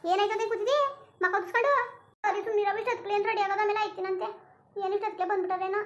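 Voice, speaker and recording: A woman's voice: extremely high pitch, steady tone. A woman voicing a nagging, scolding middle-aged village mother in a cartoon. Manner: scolding, rapid-fire nagging.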